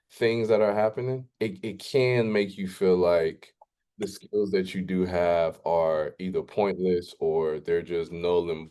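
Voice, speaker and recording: A man co-hosting a workshop over a video call, speaking in a calm, measured way. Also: sits low, rough recording. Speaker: workshop co-host. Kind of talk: casual discussion.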